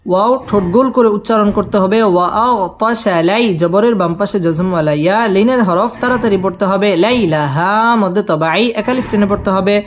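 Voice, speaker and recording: A man teaching Quran recitation, spelling out letters and vowel marks one by one and then chanting each verse slowly. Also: sits high.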